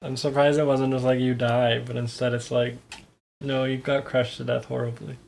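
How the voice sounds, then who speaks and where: A man's voice: medium pitch, flat delivery, moderate pace, gravelly, a little mellow, a little hiss or hum. A man co-hosting a game stream who needles his partner in teasing, casual banter. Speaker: let's play co-host.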